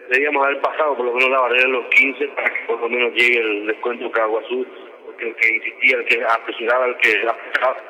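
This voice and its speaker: Sharp, bright-voiced Paraguayan male football co-commentator. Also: medium pitch, in a large hall, rough recording. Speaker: radio football co-commentator and sponsor announcer. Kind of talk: live match analysis and sponsor reads.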